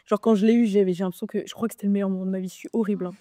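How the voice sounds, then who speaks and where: A woman's voice: mid-range voice, steady tone, rapid-fire, warm tone, no room sound. A young woman co-hosting a podcast, talking in a casual, informal way. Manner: informal, conversational. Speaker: podcast co-host. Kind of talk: casual chat.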